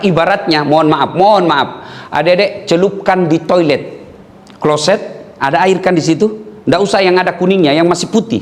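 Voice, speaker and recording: A male preacher giving a humorous sermon, telling jokes and stories and acting out the voices of different characters. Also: high voice. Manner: animated, joking storytelling with acted-out voices.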